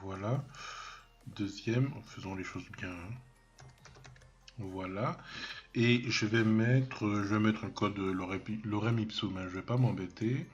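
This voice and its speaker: A man giving a software tutorial, hesitant and full of fillers and restarts, thinking aloud as he clicks, with self-mocking asides. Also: on the low side, slow pace, dull audio. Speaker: web development trainer. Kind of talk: screen-recorded software tutorial.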